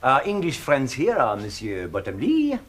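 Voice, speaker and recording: Brief: a suave, nosy French casino manager, fake French accent, lively high-ish voice. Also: male voice, moderate pace, a faint crowd. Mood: polite probing. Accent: put-on French. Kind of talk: 1970s TV whodunnit acting.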